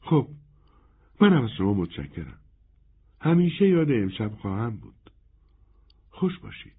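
A man voicing a shy, cheerful young servant girl with a husky, raised voice. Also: lowish voice, wildly swooping pitch, voice pushed up, full character voice. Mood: eager, wistful. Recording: narrow phone-like band.

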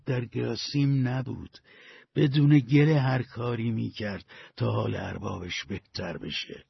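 A man reading a story aloud with slow, dramatic delivery and big swings in loudness. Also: mid-range voice, no echo. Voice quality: gravelly, husky. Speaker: narrator. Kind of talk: storybook narration. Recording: dull lo-fi dry recording.

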